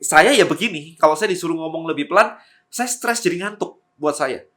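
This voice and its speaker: Male creator-coach, rapid and lively delivery, sharp bright tone, slightly high pitch. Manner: fast-talking, lively, energetic. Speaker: content creator giving tips. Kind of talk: energetic how-to talk to camera.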